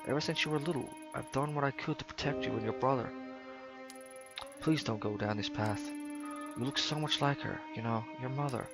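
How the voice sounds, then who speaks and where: A man voicing an old, bitter and secretive grandmother in a video game, speaking low and slow. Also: gravelly, close to an everyday voice. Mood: pleading. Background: game music.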